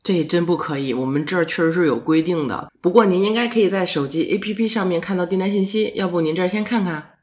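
An actress in an audio drama plays a chatty, straightforward female courier for a same-day delivery service, earnest and a bit quirky, in naturalistic modern dialogue. Her lowish, darkish voice moves at a quick pace, lightly acted, colloquial, blunt and good-natured. She sounds businesslike and helpful, warm-hearted but a little fussy about details.

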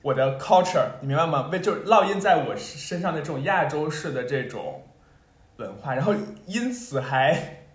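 A man's voice: a little high, moderate pace. Roomy-sounding young man telling stories. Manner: animated storyteller, laughs often. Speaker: podcast co-host. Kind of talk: casual chat. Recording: roomy echo.

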